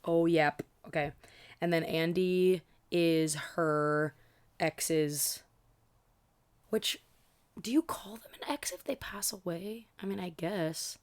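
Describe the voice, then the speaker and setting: At a slow pace and with a voice on the low side, a young woman chats through a read-along stream for a live audience. She sounds tired and a little scratchy, and her talk is loose, with many fillers and asides.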